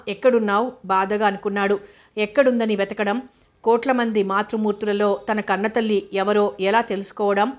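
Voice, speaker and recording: A woman narrating an audio novel in a steady, measured reading voice. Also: medium pitch.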